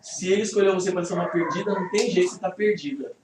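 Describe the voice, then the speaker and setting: High-voiced pastor in an echoey hall. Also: male voice, racing. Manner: conversational, animated, rhetorical check-ins. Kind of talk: Bible study teaching to a live group. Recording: echoey room, faint background noise.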